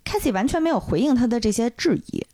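A woman podcast host in casual chat, retelling a film plot with animated storytelling and briefly acting out the characters' lines. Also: on the high side, fast talker, no room sound, clean studio sound.

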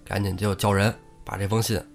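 A man hosting a comic storytelling show, retelling a classic tale in lively, colloquial speech with wry asides. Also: on the low side, a little fast, gravelly, soft background music. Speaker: storyteller host.

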